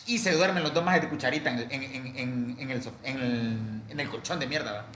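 A man's voice: mid-range voice, fairly quick, fairly bright tone, roomy sound, a little hiss or hum. A young man, telling a crude, slang-filled story as podcast co-host. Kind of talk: casual storytelling chat.

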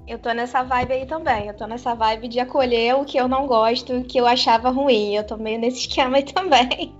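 Animated woman chatting, kinda high voice, lo-fi sound w faint music behind. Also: fairly quick. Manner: animated, laughs often, candid. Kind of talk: casual chat.

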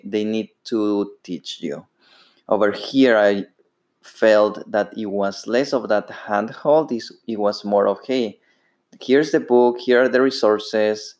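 A man in his thirties from Ecuador hosts a solo podcast, speaking with a Spanish accent. His voice is on the low side and darkish, and he talks unhurriedly with frequent fillers and restarts.

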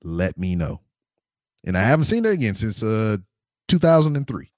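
A man's voice: medium pitch, very animated, fairly quick, no room sound, clean studio sound. A man guesting on a podcast, telling a story in a casual, slangy, profane way into a desk microphone on camera.

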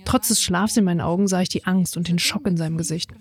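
A woman in her twenties from Ukraine, calmly reading her own first-person story in a reflective voice. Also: lowish voice, fast talker. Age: 20s. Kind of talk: read first-person testimony.

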